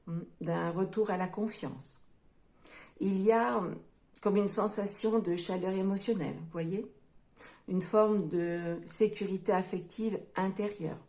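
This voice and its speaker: A tarot reader, a woman with a mid-range voice, speaks directly to her audience and calls them her friends while giving a tarot and astrology reading. Her delivery is slow, mellow, gentle and unhurried, and small hesitations run through her explanations.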